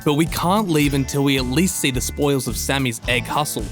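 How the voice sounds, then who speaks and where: Dry man, deadpan narration. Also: mid-range voice, moderate pace, music in the background. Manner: dry, deadpan corporate parody. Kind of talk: scripted comedic narration.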